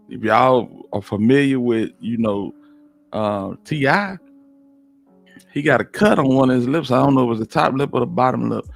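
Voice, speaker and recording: A man's voice: fairly low pitch, vocal fry, no echo. A man, hosting a live stream, commenting casually on an interview, laughing and greeting his chat.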